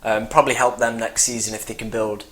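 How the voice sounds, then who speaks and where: A man co-hosting a casual football chat, easygoing and quick to laugh along and agree. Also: medium pitch, little pitch movement, fairly bright tone. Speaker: football channel co-host.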